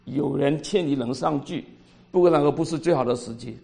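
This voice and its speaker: Gravelly high-pitched older preacher. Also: male voice, fairly quick. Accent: Cantonese. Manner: animated, voice swings between loud and quiet. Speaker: pastor. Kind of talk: sermon storytelling.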